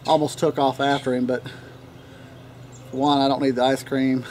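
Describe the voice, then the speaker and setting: A man talks in a casual, unhurried vlog style. His voice sits at an average male pitch, and he pauses often as he rambles. He is recorded outdoors a few feet from the camera, with light natural ambience and birds around him. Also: flat delivery, darkish tone, slight background noise. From Tennessee, United States. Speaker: pipe tobacco reviewer. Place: outdoor wooden deck in a leafy yard. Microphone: camera a few feet away. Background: birds chirping, occasional dog barking.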